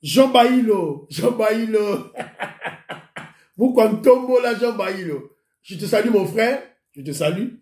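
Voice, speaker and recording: A man with a Congolese accent chats with his viewers, thanking commenters one after another by name. His voice sits high for a man. The sound rings around an echoey room. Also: expressive, takes it slowly, long pauses, darkish tone. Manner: greets commenters by name, mixes in Lingala. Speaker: YouTube show host. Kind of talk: casual chat with viewers.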